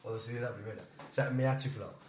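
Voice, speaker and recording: A man's voice: on the low side, fairly even intonation, fast, a little hiss or hum. A young man co-hosting a casual podcast with friends, gushing about a series and repeating himself. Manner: enthusiastic, repeats himself, hesitant restarts. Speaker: podcast co-host. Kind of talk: casual chat among friends. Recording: echoey room, off-mic.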